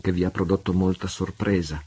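A man's voice: deep voice, steady tone, a little fast, dark tone, breathy edge. A man reading as a sweet young noble girl. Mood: gentle.

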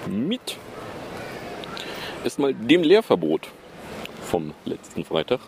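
A man hosting a solo podcast in a casual, sarcastic way, often stopping on fillers. His pitch swings widely, and a faint noise hums behind him. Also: wildly swooping pitch, slow, vocal fry. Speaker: podcast host.

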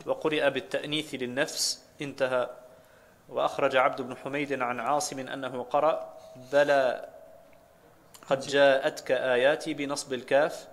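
Brief: male student reading a religious text aloud, flat and even, steady recitation. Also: medium pitch, a little hiss or hum. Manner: steady recitation of quotes and chains of names.

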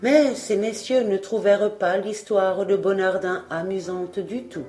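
A woman reading a fairy tale aloud as an audiobook narrator, calm and measured. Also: mid-range voice, soft background music. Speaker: audiobook reader.

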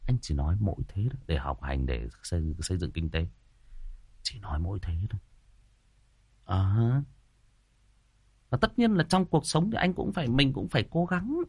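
A man tells a personal story to his listeners. His voice sits very low, and he talks in a loose, chatty way, often repeating phrases. The sound is dry, with no room echo. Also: very animated, normal speed, gravelly, pauses often, darkish tone, slightly rough. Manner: chatty, repetitive, addresses listeners directly.

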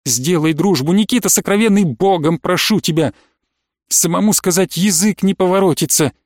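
A man's voice: high-pitched, normal speed, no room sound, studio quality, lightly acted. A man voicing an eager young suitor. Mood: pleading. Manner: excited, pleading, blurting.

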